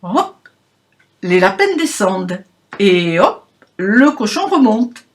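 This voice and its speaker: Slow, playful woman reading a children's story. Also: mid-range voice. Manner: playful, expressive. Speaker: reader.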